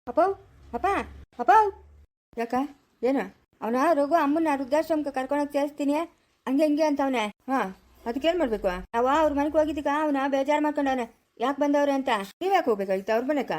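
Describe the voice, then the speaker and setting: A stern, mocking old village father, played by a woman in a family comedy skit, with a Chikkaballapura Kannada accent. The voice sits high and rattles off rapid rural scolding and taunts. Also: a little mellow, close to an everyday voice.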